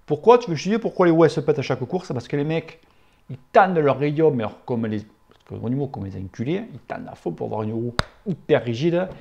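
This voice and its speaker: A man's voice: a little high, expressive, fast, vocal fry, darkish tone, lo-fi sound. A man hosting a casual cycling Q&A, talking in a blunt, familiar and outspoken way with crude slang. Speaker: cycling channel host answering viewer questions. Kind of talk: casual spoken Q&A.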